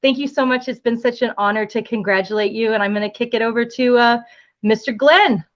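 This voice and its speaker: A woman directing a state office, speaking with enthusiasm at a virtual award ceremony and reading out highlights. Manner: upbeat, enthusiastic, reads a list quickly. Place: home or office on a video call. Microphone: video call. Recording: lo-fi video call audio.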